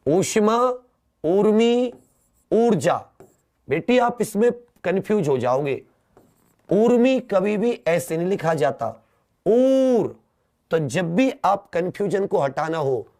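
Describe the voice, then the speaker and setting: A man's voice: fairly high pitch, a little mellow. A male teacher giving an exam-prep grammar lesson, drawing out words, repeating them and quizzing his students. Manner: drawn-out, questioning students, repeating words for emphasis.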